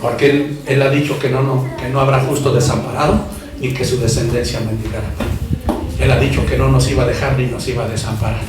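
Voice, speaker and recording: A man with a Mexican accent, a pastor preaching a fervent sermon that moves from quiet asides to shouted emphasis and questions to the congregation. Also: mid-range voice, little pitch movement, fairly quick, crowd noise. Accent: Mexican Spanish. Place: church hall. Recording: echoey room from far off.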